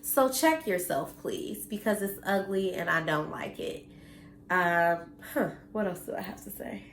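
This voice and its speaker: Here a thirtysomething American woman addresses her audience from home in a low, creaky, animated voice, going a little slowly in an echoey room. Nasal and congested from allergies, she stays earnest and blunt, somewhat preachy, with the odd curse word in her casual to-camera chat.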